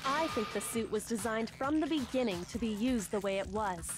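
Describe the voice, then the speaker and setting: A woman voices a cool teenage female detective from an anime game. She is slightly high in pitch, composed and analytical as she probes, with music clearly playing behind. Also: lively intonation, moderate pace, natural voice. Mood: composed, probing. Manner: composed, probing.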